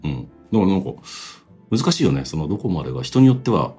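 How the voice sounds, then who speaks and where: A man co-hosting a casual podcast, reading out listener mail and musing in a relaxed way that trails off softly. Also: low voice, quick pace, slightly rough, faint music behind. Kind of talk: casual chat.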